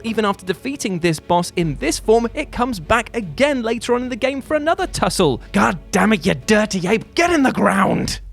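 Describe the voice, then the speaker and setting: A man hosting a scripted video game countdown. He reads with playful, theatrical humor, his fairly high voice rising and falling lively. Faint music runs behind him. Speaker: host.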